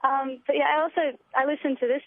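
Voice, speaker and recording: Calling in to a casual radio chat, a young Australian woman who writes as a student talks fast in a steady tone, eager and effusive. Her pitch is fairly high, the phone line tinny and narrow, and there is no echo.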